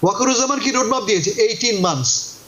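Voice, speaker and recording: A man's voice: sits high, lively intonation, fast, sharp tone, echoey room, low-quality recording. A man giving political commentary as a guest on a talk show, emphatic and asking and answering his own questions over a remote call.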